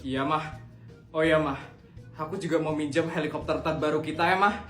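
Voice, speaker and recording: A man's voice: fairly high pitch, fairly even intonation, moderate pace, close to an everyday voice. A man playing a boastful rich schoolgirl. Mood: casual. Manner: casual, boastful, easygoing. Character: spoiled rich schoolgirl who boasts of her wealth. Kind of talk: comedy skit acting. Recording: echoey room with loud music.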